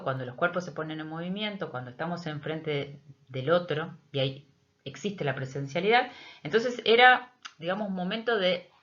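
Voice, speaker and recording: With a deep yet fairly bright voice, this middle-aged Argentine woman, a teacher, walks through a project. She pauses often, her prepared talk coming out measured and hesitant. Audio quality is dull and lo-fi.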